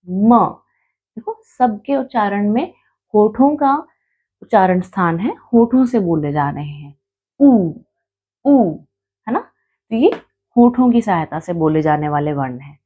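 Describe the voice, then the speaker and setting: A woman's voice: medium pitch, slightly rough, phone-quality sound. A woman teaching a Hindi grammar lesson, explaining patiently, sounding out letters one by one and checking in with her students. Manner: explains patiently, repeats letters aloud and checks in with "theek hai"; addresses students as "beta".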